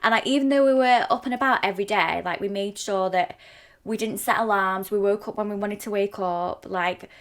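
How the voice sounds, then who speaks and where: A woman's voice: medium pitch, brisk, a bit bright. A young adult woman co-hosting a podcast, telling a rambling, chatty story in casual conversation and laughing often. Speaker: podcast co-host. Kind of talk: casual chat.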